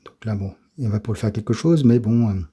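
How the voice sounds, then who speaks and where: A middle-aged man with a French accent giving a soft-spoken ASMR comic review, hesitant and often dropping to a whisper. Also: fairly low pitch, husky. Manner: hesitant, fills pauses with "euh" and "voilà", often drops to a whisper.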